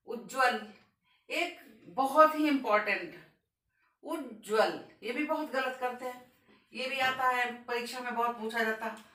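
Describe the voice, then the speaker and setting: A woman teaching Hindi grammar in a lesson on spelling, repeating each word slowly and stressing the correct form. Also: on the high side, bright, forceful tone. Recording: echoey room, voice from a distance.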